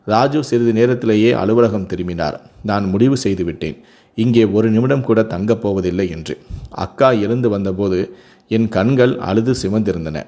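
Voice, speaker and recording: Low-voiced male storyteller. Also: normal speed. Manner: steady reading with occasional self-corrections. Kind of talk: scripted first-person story narration.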